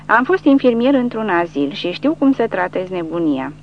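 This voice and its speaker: A woman voicing a brash male army medic who brags and shouts mock threats, in a dull lo-fi recording with a faint hum. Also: medium pitch, sing-song, pitched above the performer's own voice. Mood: boastful. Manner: boastful, mocking shouts.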